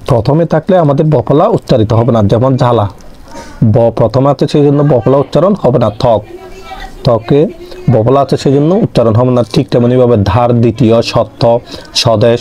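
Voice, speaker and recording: A man's voice: medium pitch, brisk, warm tone. A young man tutoring online, explaining a grammar lesson step by step and answering his own questions. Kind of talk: exam-prep grammar lesson.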